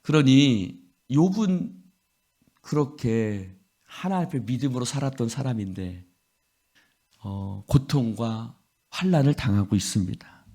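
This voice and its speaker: A man preaching at an early-morning prayer service with a lively, swinging pitch. He slips into voices and quizzes the congregation as he goes. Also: a little slow, pauses often. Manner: lively, acts out voices and asks the congregation questions. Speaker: pastor.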